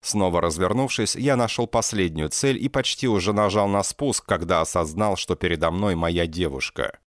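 A man reading a first-person audiobook in a deadpan, sardonic manner. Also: sits low, normal speed, no room sound, clean studio sound. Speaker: audiobook reader.

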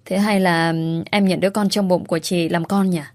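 Woman reading as sly smug young teacher girl, prying, breezy, low-ish voice. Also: fairly even intonation, a little fast, a little mellow, no echo, close to an everyday voice.

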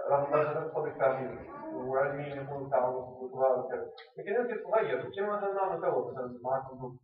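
Fast-talking Tunisian teacher, echoey room. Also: male voice, on the high side. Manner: quizzes the class with repeated questions. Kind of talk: classroom lesson. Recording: echoey, tinny, far from mic.

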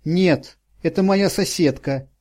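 A man's voice: on the high side, slow pace, a little mellow, pitched above the performer's own voice. A man voicing a frightened, blind elderly woman who pleads and sobs. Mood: tearful. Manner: sobbing, pleading, panicky.

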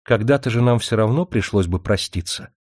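A man's voice: lowish voice, brisk, dry recording, clean studio sound, natural voice. Man voicing a cool young secretary woman. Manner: calm and flippant at first, later pleading.

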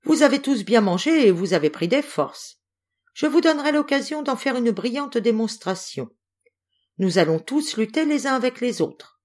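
A woman's voice: fairly high pitch, expressive, moderate pace, a little mellow, pitched above the performer's own voice. A woman voicing a proud male lion king who speaks in a commanding, declaiming way in a storybook reading.

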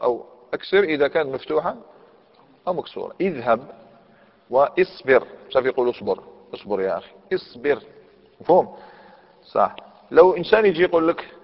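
A man with an Algerian Arabic accent teaching a classical grammar lesson. He explains step by step and keeps checking that his listeners follow. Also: on the high side. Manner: explanatory, checks understanding with quick questions. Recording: echoey hall, dull lo-fi sound.

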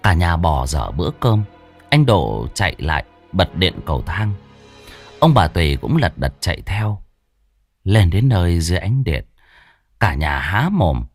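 A man's voice: low-pitched, very animated, unhurried. A man telling a ghost story in a vivid, dramatic way. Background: faint music.

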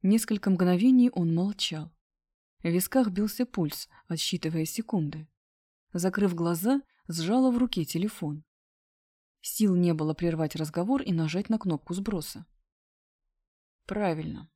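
A woman narrating a first-person story in a steady, subdued reading voice. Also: lowish voice, normal speed. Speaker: audiobook narrator.

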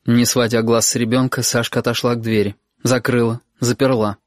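Measured male audiobook narrator. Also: medium pitch, level tone, no echo, studio quality. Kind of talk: scripted narration.

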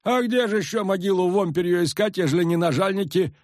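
A man's voice: high voice, fast talker, a little mellow, no room sound, clean studio sound, voice pushed up, natural voice. A man voicing a pushy, superstitious older peasant man who talks in a rustic folksy way, read in an audiobook. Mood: insistent. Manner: rustic folksy speech, insistent.

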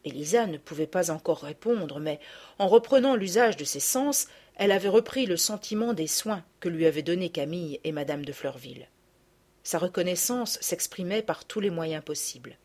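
A woman narrating a classic children's story aloud in an expressive reading style. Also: medium pitch, breathy edge. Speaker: audiobook narrator.

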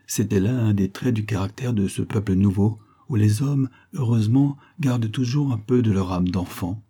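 A man reading a serialized detective novel aloud in a measured storytelling manner. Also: on the low side, dark tone, breathy edge. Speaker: audiobook reader. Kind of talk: scripted narration.

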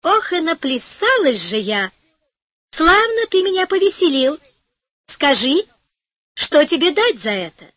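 A woman's voice: high voice, very animated, a little slow, pauses often, a bit bright, no echo, pitched above the performer's own voice, heavily acted. A woman voicing a tiny, playful female fairy in a storybook reading, light and merry. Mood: cheerful.

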